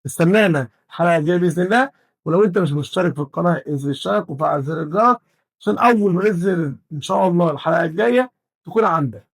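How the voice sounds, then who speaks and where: A man's voice: sits high, animated, very fast, gravelly, dry recording, poor audio. A man with an Egyptian Arabic accent teaching an exam-prep math lesson, counting values aloud step by step.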